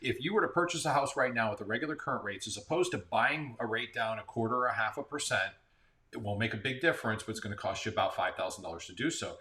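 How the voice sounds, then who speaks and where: A man's voice: medium pitch, fast, bright, forceful tone. An American man co-hosting a casual real estate market chat, explaining figures with frequent restarts. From Central Florida. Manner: conversational, explains numbers with restarts. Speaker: real estate agent, co-host.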